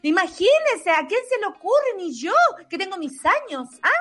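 A woman voicing a fussy older spinster civil servant with a shrill Chilean voice, prim and indignant, on radio comedy. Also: big pitch swings, normal speed, fairly bright tone, exaggerated voice. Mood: disgusted. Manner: prim, indignant, asks "¿ah?" a lot.

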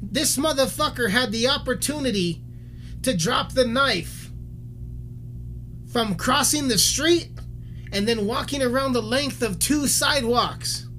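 A man's voice: very high voice, unhurried, sharp tone. Heated, foul-mouthed man ranting. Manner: heated, swears constantly, repeats himself. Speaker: musician ranting on camera. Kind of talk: profane video rant.

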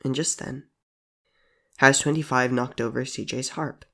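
A narrator reads a story aloud at an even, measured pace. The voice sits mid-range with a gravelly texture. The telling stays steady throughout. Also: mid-range voice, over loud music. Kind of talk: story reading.

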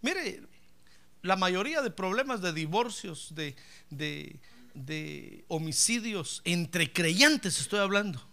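Fervent high-voiced preacher. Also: male voice. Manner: fervent, joking, bursts into shouted praise, keeps calling the listener brother. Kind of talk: lively sermon.

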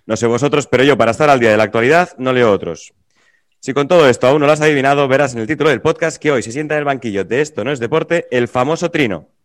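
A man's voice: medium pitch, quick pace, no echo. A man from Tarragona hosting a podcast, chatting casually and laughing easily. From Tarragona, Catalonia. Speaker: podcast host.

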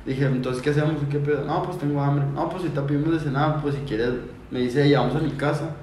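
A man's voice: fairly high pitch, fairly even intonation, fast talker, a little mellow, roomy sound, slight background noise. A man with a Mexican accent telling a crude, slang-heavy story as a podcast guest, forever saying "güey". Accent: Mexican Spanish. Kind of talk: casual storytelling. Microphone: podcast mic.

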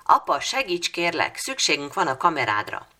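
A woman with a low, creaky voice voicing an earnest, determined young girl in a storybook reading, in an eager, pleading manner. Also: animated, sharp tone, exaggerated voice.

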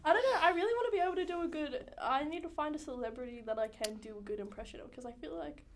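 A young Australian woman chatting on her podcast with a high, bright voice. She giggles a lot, swears casually and throws herself into clumsy celebrity impressions. The talk is loose and playful. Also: fast, background noise. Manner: giggly, swears freely, tries silly impressions. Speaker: podcast co-host. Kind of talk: casual chat.

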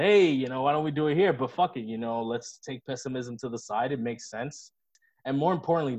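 A podcast co-host talks in a loose, profane, jokey way during a casual chat. His voice is medium in pitch and a little mellow, and the sound is slightly dull and lo-fi.

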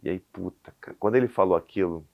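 Low, fast and creaky, this voice comes across in dull audio. The speaker, a Brazilian Portuguese-accented man in his thirties and father of four, is a podcast guest who tells a story in relaxed conversation as an animated storyteller, acting out the dialogue.

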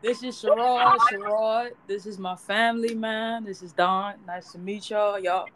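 A woman's voice: medium pitch, steady tone, measured pace, very noisy. A woman hosting a casual podcast chat, bubbly and full of slang. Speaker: podcast host.

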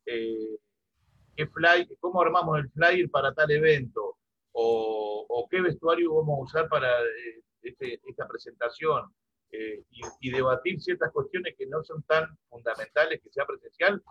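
Here a middle-aged Argentine man, who plays and teaches music in Santa Fe, talks informally during an interview held over video call. He uses rioplatense voseo, his voice is slightly high and husky, and the audio sounds dull.

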